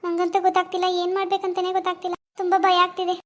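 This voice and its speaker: A woman's voice: very high-pitched, monotone, rapid-fire. [name], a woman playing an anxious girl. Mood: worried. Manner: pleading, worried. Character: young village woman, timid and anxious lover.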